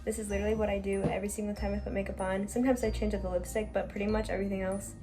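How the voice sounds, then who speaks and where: A woman's voice: medium pitch, level tone, very fast. A young woman talking casually to her viewers in a vlog, full of "like" and fillers. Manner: chatty, filler-heavy, says "like" often. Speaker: vlogger. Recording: music playing underneath.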